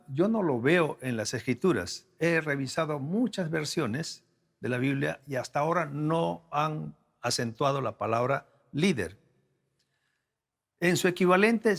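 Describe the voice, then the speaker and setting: A male pastor from South America preaching at a leadership forum, teaching slowly with repeated key phrases and rhetorical questions. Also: on the high side. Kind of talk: sermon. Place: church or conference hall.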